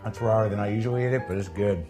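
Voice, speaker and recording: A man's voice: fairly low pitch, very fast, music in the background. A man hosting a casual cooking demonstration, talking bluntly with rambling, profane asides. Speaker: cooking show host. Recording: faint noise, sizzling pan.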